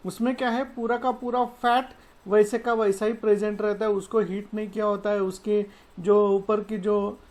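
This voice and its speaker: A woman's voice: medium pitch, level tone, normal speed, a little mellow. A woman with a Marathi-influenced Hindi accent, teaching a science lesson, explaining step by step and mixing in English terms. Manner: explanatory, mixes English terms, frequent "okay" fillers. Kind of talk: classroom lecture explaining slides.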